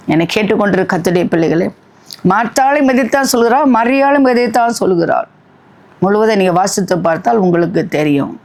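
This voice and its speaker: A middle-aged woman preaching a sermon with fervent, emphatic peaks, slipping in short English phrases. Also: medium pitch.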